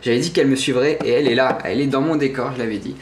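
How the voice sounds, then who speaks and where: His medium-pitched voice races as this young man with a French accent, a gaming streamer, rambles casually through a tour of his gaming room setup. There are lots of hesitations and self-corrections, and he jokes about his collectibles with playful enthusiasm.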